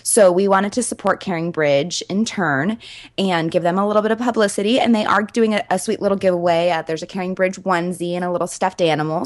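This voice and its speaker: A young adult woman hosting a podcast, chatting casually and reading announcements in a conversational way. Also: on the low side. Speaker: podcast host.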